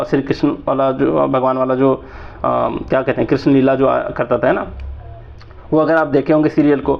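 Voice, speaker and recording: A man's voice: a little high, vocal fry. A man in his thirties with a Jharkhand accent, teaching exam vocabulary in a chatty way and often checking that his listeners follow. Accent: Jharkhand Hindi. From Jharkhand, India. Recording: slightly dull lo-fi recording.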